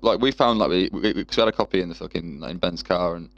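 A man's voice: deep voice, fast talker, dry recording, muffled recording. A man in casual chat, rambling and swearing freely with lots of fillers. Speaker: guest musician.

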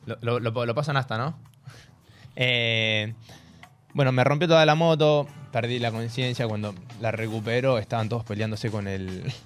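Rioplatense radio man, animated storyteller. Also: mid-range voice, normal speed, soft background music. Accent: Rioplatense Spanish. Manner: animated storytelling, laughing through it. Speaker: radio co-host. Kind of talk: casual radio chat. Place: radio studio.

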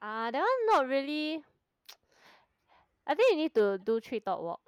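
A woman's voice: high-pitched, very animated, measured pace, dry recording, dull audio. A young woman with a Singaporean accent, chatting casually in colloquial Singlish with particles at the ends of her sentences. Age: young adult. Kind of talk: casual chat.

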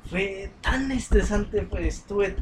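A man's voice: sits high, takes it slowly, noisy background. A young man telling a story in casual chat, with many fillers and restarts. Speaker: podcast co-host.

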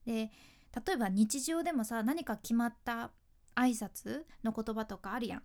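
A woman's voice: fairly high pitch, normal speed, darkish tone. A woman with a Fukuoka accent, a freelance announcer and speaking coach, telling stories in a casual solo talk, laughing often and acting out quotes. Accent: Fukuoka Japanese. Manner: chatty storytelling, frequent laughs, acts out quotes.

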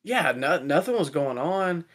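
A young man co-hosting a wrestling podcast in casual chat, relaxed and chatty, laughing now and then. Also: fairly high pitch, unhurried. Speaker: podcast co-host.

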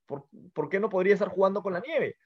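Comfortable, timid collared dog, voiced by a man, slightly high, muffled lo-fi sound. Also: animated, quick pace, husky. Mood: easygoing.

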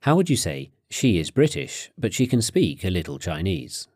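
A man narrating a language course, asking prompting questions and explaining grammar in a clear, instructive way. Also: lowish voice, big pitch swings, moderate pace, darkish tone, dry recording, clean studio sound.

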